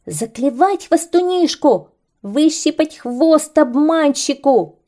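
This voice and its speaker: Woman doing a shrill jeering flock of birds. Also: very animated, normal speed, warm tone, slightly rough, heavily acted. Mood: angry. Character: noisy flock of small mocking birds.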